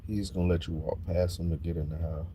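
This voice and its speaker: A man talking bluntly and casually on a livestream, growing animated when he gets worked up. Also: low voice, fast talker, a little hiss or hum. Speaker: livestream host.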